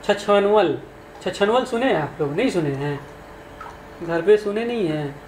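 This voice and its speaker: A man's voice: high-pitched, animated, a little slow, a little mellow. A man, teaching exam questions in a conversational way and asking his listeners questions. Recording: echoey room, faint background noise.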